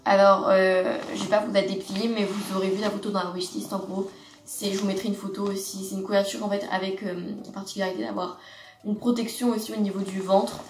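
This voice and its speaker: A woman's voice: mid-range voice, level tone, brisk, far from the mic, soft background music. A teenage girl from France chatting in a casual haul vlog in her bedroom, gushing and filling her talk with fillers and restarts. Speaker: vlogger. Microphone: camera across the room. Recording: roomy bedroom sound from off-mic.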